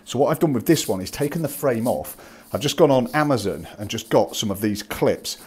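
His voice is mid-range, expressive and a little fast, with a dark tone and a breathy edge. He is a landlord vlogger from the UK in his forties, casually sharing practical tips through a wired earphone mic as he walks an empty rental house, with a parked car also in the setting.

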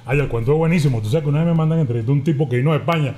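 A man's voice: fairly high pitch, very fast, dark tone. A man with a Venezuelan accent, a sports commentator telling anecdotes on a podcast and acting out the voices of the people he quotes. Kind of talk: casual storytelling.

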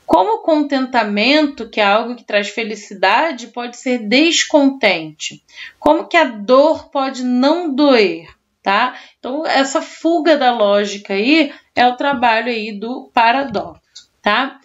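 Lady teacher doing an online class, kinda high voice, keeps checking in with the kids, muffled lo-fi sound. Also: animated, a little slow. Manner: explains patiently, with many check-in tags.

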